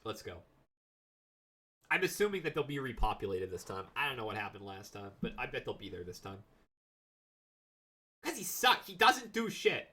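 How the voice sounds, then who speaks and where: A man streaming a video game, commenting in an excitable, profane and sarcastic way. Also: medium pitch, moderate pace, pauses often. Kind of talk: let's play commentary.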